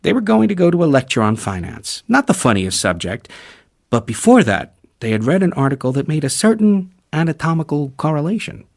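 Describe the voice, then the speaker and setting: A man hosting a radio program, reading scripted links and putting questions to a guest in a measured way that drops at the ends of phrases. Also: fairly high pitch, sing-song, vocal fry. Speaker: radio show host. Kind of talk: scripted radio presenting and interviewing.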